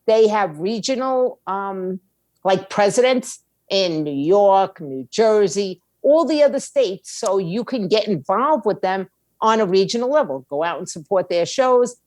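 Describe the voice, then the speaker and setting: A middle-aged woman, a music attorney and indie label owner, appears as a podcast guest offering conversational advice. She is blunt and streetwise, driving her points home with rhetorical questions. Her voice sits on the high side with a darkish tone and no echo.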